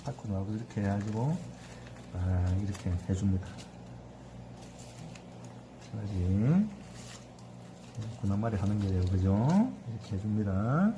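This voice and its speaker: A man's voice: on the low side, lively intonation, measured pace, long pauses, background noise. Chatty man teaching sushi making. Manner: chatty, keeps asking for agreement. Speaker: cooking instructor. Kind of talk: hands-on cooking demonstration.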